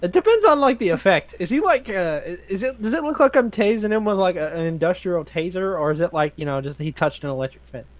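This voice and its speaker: A man's voice: sits high, lively intonation, quick pace, few pauses, no echo. A man playing a tabletop game, rambling and laughing often. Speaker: player. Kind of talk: casual tabletop play.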